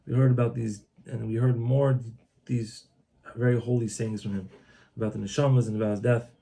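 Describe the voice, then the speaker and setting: A man retelling a religious book aloud, translating as he goes in a halting, informal way with many restarts. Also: mid-range voice, flat delivery, vocal fry, mellow. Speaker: reader retelling a religious text. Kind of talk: loose spoken retelling of a book. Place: Old City of Tzfat, Israel.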